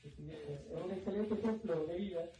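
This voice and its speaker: A man asks questions in a friendly, hesitant way. His voice sits fairly high but sounds very dark and mellow. He is far from the mic in an echoey room, with faint music playing underneath. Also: normal speed. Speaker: event interviewer. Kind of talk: live event interview.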